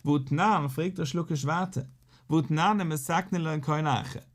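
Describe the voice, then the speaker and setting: A man's voice: fairly high pitch, normal speed. A man with a Yiddish accent giving a Talmud lesson as a rabbi, in a rising and falling study cadence. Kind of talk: Talmud lecture.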